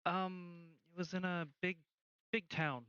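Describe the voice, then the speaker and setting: Casting: man putting on a shy little ghost girl, stammering, bright high voice, dull lo-fi sound. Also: fairly even intonation, measured pace, clear, resonant tone, no room sound. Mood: wistful. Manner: hesitant, stammering, pleading. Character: small lost ghost girl trapped in a book.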